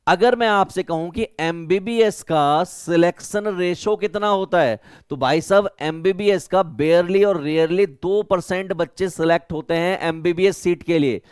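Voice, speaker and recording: A man's voice: sits high, a little slow, hardly any pauses, clear, resonant tone, no echo, studio quality. A young Indian man teaching students, giving study advice like a big brother and asking and answering his own questions. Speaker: online teacher for class 11 students. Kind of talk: motivational study-advice lesson.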